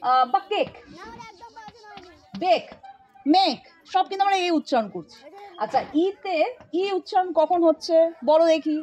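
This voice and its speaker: A woman's voice: very high-pitched, lively intonation, unhurried, long pauses, darkish tone, dull audio. A woman teacher patiently explaining vowel sounds step by step with examples. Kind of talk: classroom phonics lesson.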